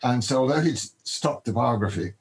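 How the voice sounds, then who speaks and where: An older man, a biographer, answering interview questions in a halting way, with many ums and restarts. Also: medium pitch, lively intonation, low-quality recording.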